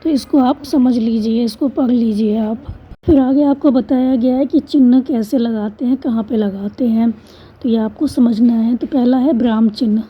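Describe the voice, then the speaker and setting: A woman teacher with a high, slightly breathy voice talks through a school textbook exercise. She goes step by step, asking questions and answering them herself. The recording sounds muffled and lo-fi. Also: steady tone, moderate pace. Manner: patient, step-by-step, asks and answers her own questions. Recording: dull lo-fi recording.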